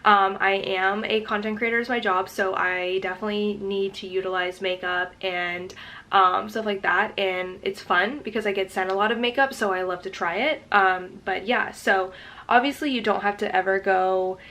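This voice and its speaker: A young woman with a cold talks to camera in a relaxed makeup vlog. Her voice is stuffy and nasal, and she speaks in a chatty, unscripted way full of "um"s. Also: mid-range voice, normal speed. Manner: chatty with frequent "um" fillers. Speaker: fashion and lifestyle content creator. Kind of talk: casual makeup tutorial vlog.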